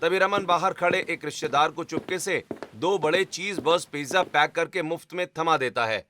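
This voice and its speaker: A man narrating a cartoon story in a steady, scripted way. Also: a little high, normal speed, a little hiss or hum.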